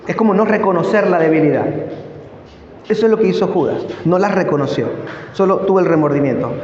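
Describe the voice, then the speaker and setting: A man's voice: high-pitched, brisk, a little mellow, a little hiss or hum. A man preaching a sermon as pastor, emphatic and prone to rhetorical asides to the congregation. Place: church hall. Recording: echoey church hall, dull lo-fi sound.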